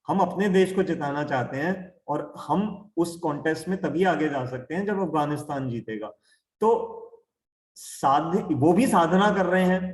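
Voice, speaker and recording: A man teaching an online scripture class, explaining slowly and repeating key terms, asking questions and answering them himself. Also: fairly high pitch, darkish tone, roomy sound. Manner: asks and answers his own questions. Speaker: Gita teacher. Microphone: video call.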